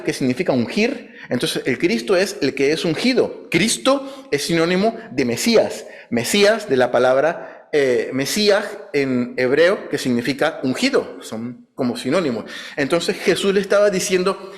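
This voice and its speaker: A man preaching a Sunday sermon in a church. He explains scripture references, asks the congregation questions and acts out biblical speakers with a raised, lively voice. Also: on the high side, measured pace.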